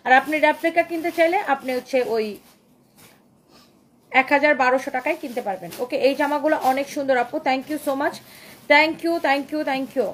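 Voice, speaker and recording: Selling clothes on a live stream from her shop, a woman with a Bangladeshi Bengali accent speaks at normal speed in a high-pitched, slightly bright voice. She coaxes viewers by repeating herself and mixing in English phrases. There is slight background noise.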